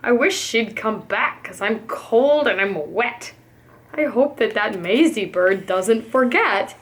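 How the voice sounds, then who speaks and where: Lady reading as big faithful boy elephant in a storybook, slow and earnest, lively pitch. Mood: forlorn. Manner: earnest, deliberate. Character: huge, gentle, faithful male storybook elephant.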